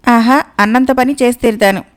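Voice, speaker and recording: Blustering male porter, bossy, quick threats, woman voicing him, storybook comedy. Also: a little high, lightly acted.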